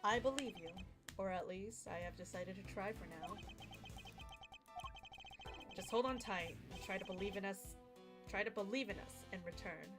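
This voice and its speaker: A woman plays a stern video game prosecutor, a reserved man with measured, formal delivery. The voice drops lower and quieter than the player's own, over clear background music. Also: close to an everyday voice. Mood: grave, reassuring.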